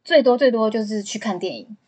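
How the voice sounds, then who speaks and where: Husky-voiced woman telling a story. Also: fairly high pitch, big pitch swings, fairly quick, darkish tone. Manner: storytelling, chatty and candid. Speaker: podcast co-host. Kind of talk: casual chat.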